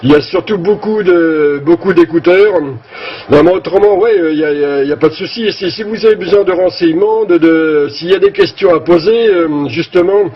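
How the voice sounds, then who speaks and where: A man's voice: high voice, brisk. A man speaking over a CB radio link as a radio operator, explaining things at an easy pace with many fillers and restarts. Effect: heard over a CB radio link. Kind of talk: casual explanatory radio chat. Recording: muffled lo-fi CB audio with faint hiss.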